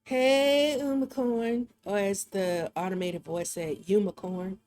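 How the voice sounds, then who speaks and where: A woman's voice: medium pitch, expressive, a little slow, darkish tone. A woman hosting a live drawing stream, chatting casually and laughing often as she thinks aloud. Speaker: livestream art host.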